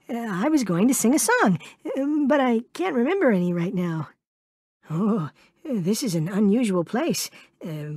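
Tiny timid piglet, very high-pitched. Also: male voice, a little mellow, dry recording, studio quality, heavily acted. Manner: hesitant, stammering, fretful, polite. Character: Piglet, small timid, anxious, kindly male piglet. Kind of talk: cartoon video game character voice clips.

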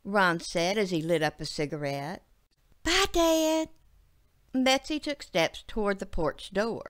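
A woman narrating a literary short story in a measured, expressive way. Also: on the low side. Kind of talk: audiobook narration.

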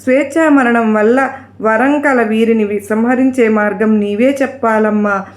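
A woman voicing a calm, dignified male god who reasons and pleads, recorded in an echoey room. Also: fairly high pitch, unhurried, close to an everyday voice. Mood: measured.

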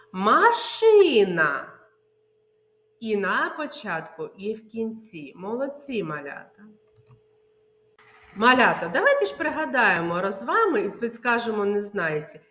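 Woman kindergarten teacher, lively higher voice, slow and sing-song, echoey room. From Ukraine. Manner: sing-song, drawn-out words, answers her own questions. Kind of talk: online preschool literacy lesson.

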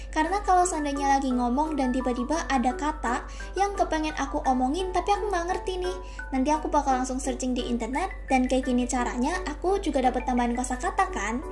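Teenage girl, Central Javanese Indonesian accent, high voice, friendly chatty vlog talk, clear background music. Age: teens. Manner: friendly, chatty, addresses viewers directly. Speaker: journaling YouTuber. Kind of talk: casual Q&A voice-over while journaling. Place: bright room with shelves of stationery.

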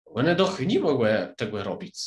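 Curious young girl, put on by a man, questioning tone, high voice, roomy echo. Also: big pitch swings, measured pace, a little mellow.

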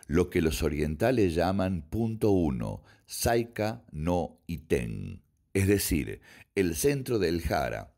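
Male karate instructor, low voice with a wide, lively melody, reads prepared notes deliberately. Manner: measured, deliberate reading with occasional slips and self-corrections. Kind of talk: reading a written text aloud.

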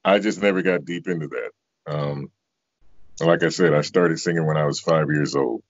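A man in his fifties, a singer and voice actor, speaks in a bass voice at a moderate pace, answering interview questions reflectively and conversationally. He's on a video call from an indoor room, with no room sound. The audio is dull and lo-fi.

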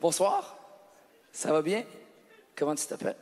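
On a large theatre stage before a live audience, a stand-up comedian does crowd work, bantering playfully with couples in the audience. His voice is a little high with huge pitch swings and a measured pace. The live hall carries long reverb, audience sound and background noise.

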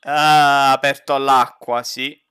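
Slow, bright-voiced laughing gamer. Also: medium pitch, little pitch movement, smooth, no room sound, clean studio sound. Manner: chatty, laughs often, jokey banter with a teammate. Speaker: streamer playing a horror game with a friend. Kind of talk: casual gaming commentary.

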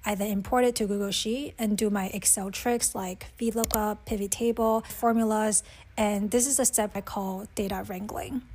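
A woman in her twenties from Taiwan, talking casually through her work day in a vlog, with a relaxed manner and frequent "like". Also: medium pitch, a little hiss or hum. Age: 20s. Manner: relaxed, uses "like" often. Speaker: business analyst vlogger. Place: apartment home office, indoors. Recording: background music under voice.

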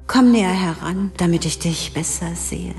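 A woman's voice: lowish voice, normal speed, darkish tone, soft background music, natural voice. A woman voicing a pompous, commanding old male king in a storybook, with frequent hesitant ums between his orders. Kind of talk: storybook reading.

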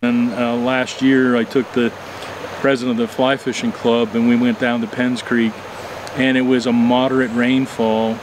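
Older man explaining, measured and unhurried. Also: medium pitch, level tone, background noise. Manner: measured, explanatory, with many "uh" fillers. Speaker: entomologist and fly fishing instructor. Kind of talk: interview answers. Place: outdoors by a stream.

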